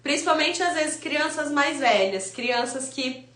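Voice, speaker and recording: High bright woman teaching. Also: a little slow, echoey room. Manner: lively, asks viewers questions. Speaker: literacy teacher. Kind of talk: live online class.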